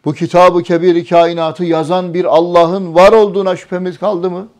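A man's voice: high-pitched, level tone, moderate pace, darkish tone. A man giving a religious talk to a small group, often asking the listeners questions and repeating their answers. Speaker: religious teacher.

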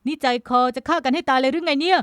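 A woman voicing a lovesick, teasing young navy man in an audiobook romance, loud and pleading in emotional moments. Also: lowish voice, normal speed, no echo, clean studio sound, lightly acted. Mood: pained.

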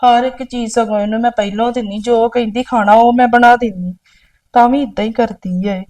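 A woman's voice: a little high, steady tone, a little fast, darkish tone, close to an everyday voice. A woman playing an exasperated elder sister, scolding her younger sibling in a village drama. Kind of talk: village short film acting.

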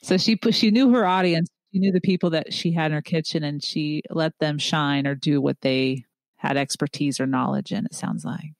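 A woman's voice: low voice, normal speed, creaky, no room sound, rough recording. A woman hosting a podcast interview, eager and admiring, with many fillers and restarts. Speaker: podcast host.

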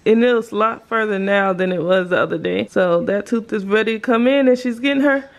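A woman's voice: mid-range voice, fairly quick. An American woman in her thirties chatting casually as a mom vlogging at home on a camera microphone. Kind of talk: casual home vlog chat. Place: indoors at home, rooms and kitchen. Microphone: handheld or nearby camera microphone.

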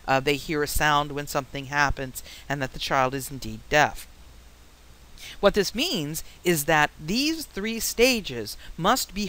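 A woman teaching a psychology lecture, explaining points with anecdotes and deliberately varying her pitch, pace and loudness. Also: poor audio. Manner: varies pitch, rate and loudness on purpose. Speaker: psychology instructor. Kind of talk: classroom lecture.

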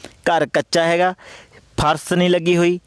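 A man's voice: high voice, flat delivery, moderate pace, clean tone, dry recording, close to an everyday voice. A man playing a journalist in a comedy skit, questioning a couple and pressing for direct answers. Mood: probing. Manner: probing, presses for straight answers. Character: pushy street journalist questioning a quarrelling couple.

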